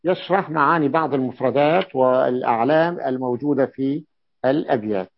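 A medium-pitched man with vocal fry teaches classical grammar fairly quickly, asking students checking questions and repeating key terms. The dry recording sounds dull and lo-fi.

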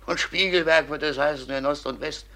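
In a classical radio play, a male actor with a highish voice portrays a boastful young schemer who dreams feverishly of grand plans. He declaims excitably, fairly quickly, in a grandiose mood.

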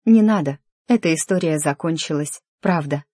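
A reader voicing an emotional young noblewoman in an audiobook, speaking in a pleading, higher voice. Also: expressive, moderate pace, darkish tone, no room sound, studio quality, natural voice. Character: young noblewoman, agitated and hurt. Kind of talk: audiobook character dialogue.

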